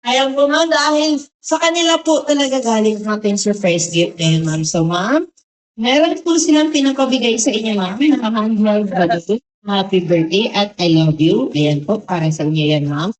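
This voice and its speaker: A woman's voice: medium pitch, expressive, moderate pace, rough recording. A woman hosting a surprise gift delivery who talks very politely, putting "ma'am" at the end of nearly every phrase.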